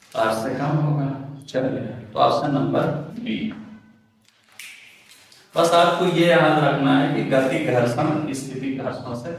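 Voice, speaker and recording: A male physics teacher giving an exam-prep lecture, asking questions to the class and answering them himself. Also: on the high side. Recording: very echoey room, mic far off.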